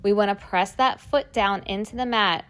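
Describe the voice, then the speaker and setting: A woman's voice: mid-range voice, moderate pace, a bit bright. A young woman leading a workout class, encouraging and cueing the moves while she exercises along, strained from the effort. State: strained, working out while talking. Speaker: fitness instructor.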